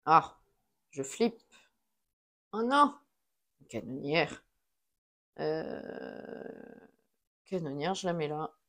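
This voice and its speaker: Slow, low-voiced woman playing a board game. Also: animated, fairly bright tone. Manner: talks to herself while placing cards, counting aloud. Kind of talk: casual solo playthrough commentary.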